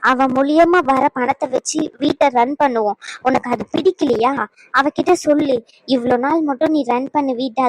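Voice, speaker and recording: A woman voicing a stern, angry elder sister in an animated drama, who lectures and scolds sharply. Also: high-pitched, dry recording, lightly acted, rough recording.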